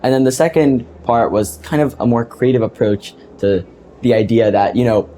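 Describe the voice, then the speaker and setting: A man's voice: mid-range voice, moderate pace, dark tone, slight background noise. A teenage boy being interviewed on a podcast, earnestly explaining his work and laughing easily. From United States. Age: teens. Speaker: guest inventor. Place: podcast booth at a tech event.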